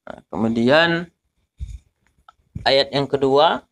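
Demonstrating how Quran verses should be pronounced, this man draws letter sounds out slowly and says them again and again. He speaks in a mid-range voice.

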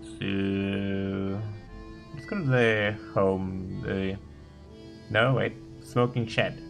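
Gravelly man thinking aloud over a game. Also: sits low, fairly even intonation, extremely slow, over music. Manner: hesitant, mulls choices with fillers. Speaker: player. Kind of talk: playing through a gamebook, thinking aloud.

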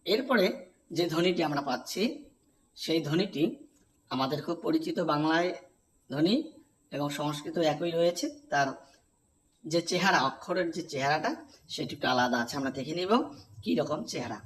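A man teaching a pronunciation lesson, repeating each vowel sound slowly and asking the class to say it back. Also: fairly high pitch, a bit bright, slight background noise. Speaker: Sanskrit teacher.

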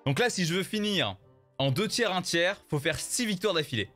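Guy streaming a card game, slightly high voice, jokey and animated, faint game music behind. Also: moderate pace. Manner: animated, joking, repeats himself, addresses viewers as "les gars". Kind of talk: casual live game commentary.

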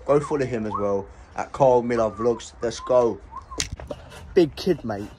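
A young man with a British English accent, vlogging outdoors in the woods on a handheld phone, loud, laddish and jokey. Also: mid-range voice, measured pace, background noise. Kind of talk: casual vlog chat.

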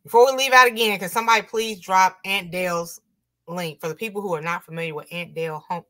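A woman's voice: medium pitch, fairly even intonation, fast, a bit bright. A woman hosting a casual livestream chat, reading viewer comments aloud and laughing often. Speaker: livestream host.

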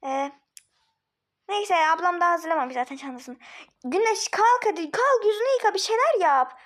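A woman's voice: very high voice, lively intonation, normal speed, fairly bright tone. Woman playing frantic, flustered older sister. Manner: frantic, talks to herself, repeats words. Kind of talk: homemade mini-series role-play.

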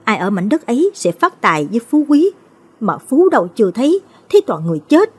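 Storybook figure: a tearful young widow, higher and pleading, husky, read by a woman narrator. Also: very animated, brisk.

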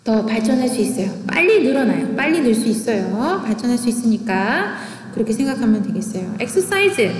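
A woman teaching English pronunciation in an online lecture, chatty and lively, often asking questions and answering them herself. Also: a little high, fairly quick. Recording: echoey room with long reverb.

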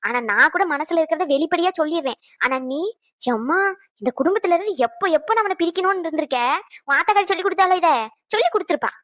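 A woman's voice: very high-pitched, quick pace, fairly bright tone, no echo, studio quality. A woman voicing an older mother-in-law in a cartoon family drama, wailing and accusing.

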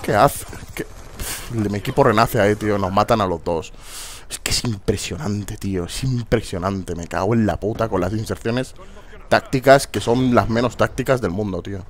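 A young man commentating his online shooter match, foul-mouthed and exasperated, bursting into shouts. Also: lowish voice, moderate pace, a little hiss or hum. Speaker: gameplay commentator. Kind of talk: casual gameplay commentary.

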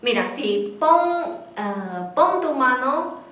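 A woman with a Chinese accent teaching a beginner Mandarin pronunciation lesson in slow, imperfect Spanish, modeling syllables for students to repeat. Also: high-pitched, sing-song, a bit bright. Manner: slow, patient, with non-native Spanish grammar; models syllables in clear, drawn-out repetitions. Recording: very echoey room.

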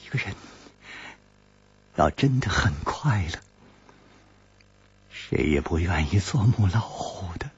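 Man playing a soft-spoken young swordsman, husky, lively pitch, slow and halting. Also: full character voice. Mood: hesitant. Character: carefree young swordsman, a hard drinker. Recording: dull lo-fi recording.

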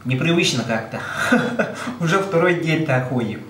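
Unhurried and on the high side, this Yakutian truck driver narrates his road-trip vlog from a small rented apartment kitchen, talking plainly to the camera and laughing frequently. The indoor space echoes, with constant background noise.

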